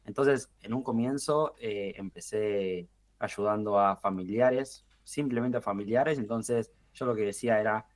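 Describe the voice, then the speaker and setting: A young man in his twenties speaks with a Rioplatense Argentine accent and a somewhat low voice. He is a podcast guest explaining advertising in a relaxed, thinking-aloud way, full of fillers and false starts. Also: unhurried. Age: 20s. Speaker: guest marketing expert. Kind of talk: podcast interview.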